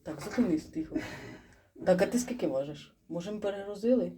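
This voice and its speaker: A woman with a Chernihiv-region Ukrainian accent, mixing in Russian words, chatting jokily into her phone while stuck in a small elevator, swearing and dropping to a hush to listen. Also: mid-range voice, animated, fairly quick. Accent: Chernihiv-region Ukrainian with Russian-mixed speech. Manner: joking and wry, swears, drops to a hush when listening. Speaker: vlogger filming on her phone. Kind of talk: casual chat.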